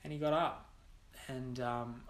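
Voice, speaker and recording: A young man appearing as a podcast guest tells a personal story candidly and bluntly, swearing often and restarting his sentences many times. His mid-range voice is slow with fairly even intonation, and the recording has a roomy echo.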